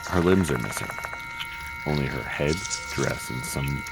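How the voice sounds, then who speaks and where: A woman performing a video game's text aloud in a theatrical, halting way, with casual commentary of her own. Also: a bass voice, lively intonation, gravelly, heavy background noise. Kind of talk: dramatic game read-aloud with casual commentary.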